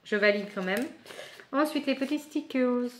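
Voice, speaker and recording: A woman's voice: high voice, moderate pace, slight background noise. A woman vlogging casually as she unboxes a book subscription box, chatty and thinking aloud with frequent asides.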